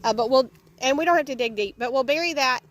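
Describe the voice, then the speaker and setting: A homesteading vlogger stands outside by her chicken pen, chatting casually about the work with lots of ums and uhs. Her voice is high, fast, and fairly bright.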